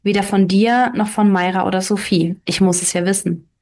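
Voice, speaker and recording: A woman's voice: medium pitch, steady tone, fairly quick, darkish tone, lightly acted. A woman reading aloud and voicing a self-assured woman who lectures firmly about love and faithfulness. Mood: persuasive. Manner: firm, lecturing.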